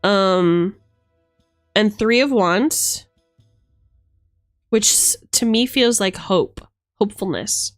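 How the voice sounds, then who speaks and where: A woman gives a casual tarot reading on a live stream, musing aloud in informal, chatty language. Her medium-pitched voice moves slowly with frequent pauses, and background music plays.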